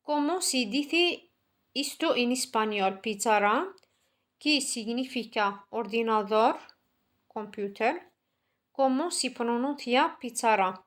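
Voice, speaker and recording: A woman teaching Spanish, reading vocabulary slowly one word at a time and explaining in French. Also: on the high side, expressive. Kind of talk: slow classroom vocabulary reading.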